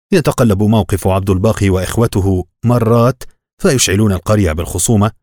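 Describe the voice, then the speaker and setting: Deep-voiced male audiobook narrator. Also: no echo, clean studio sound. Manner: measured, even reading. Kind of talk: novel narration.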